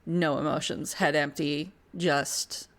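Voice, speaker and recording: A woman running a tabletop fantasy game, narrating descriptively with pauses as game master. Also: sits low, steady tone.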